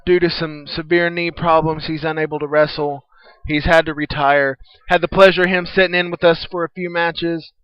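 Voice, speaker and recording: A man calling independent wrestling matches for an online radio webcast, shouting the action and then chatting through the wrap-up with his voice nearly worn out. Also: a little high, clean tone, dry recording, highs cut off. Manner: excited shouting calls, then rambling wrap-up talk. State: losing his voice from screaming. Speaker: wrestling play-by-play announcer.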